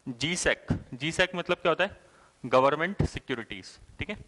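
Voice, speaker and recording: A man's voice: a little high, expressive, moderate pace, sharp tone. Man teaching an exam-prep class in a reverberant room. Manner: asks questions and answers them himself; explanatory, with frequent "thik hai" and "hai na" checks.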